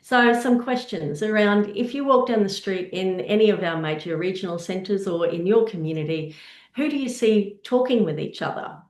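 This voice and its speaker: A woman giving a slide presentation on intercultural practice, earnest and measured, often posing rhetorical questions. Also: mid-range voice, darkish tone, reverberant.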